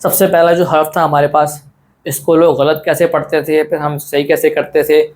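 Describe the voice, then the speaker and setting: A man teaching an online lesson in a relaxed, friendly way, asking questions and answering them himself and often repeating his points. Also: fairly high pitch, moderate pace. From South Asia. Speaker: Quran teacher.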